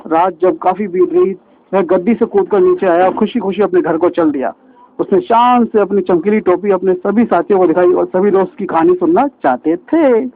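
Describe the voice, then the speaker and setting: High-voiced man telling a children's story. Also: moderate pace, a little hiss or hum. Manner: lively, expressive storytelling addressed to children. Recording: tinny phone-like sound.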